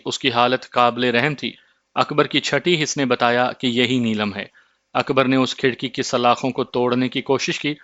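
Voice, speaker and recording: A man reading a horror story aloud in a steady, measured narration. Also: medium pitch, no echo, muffled recording.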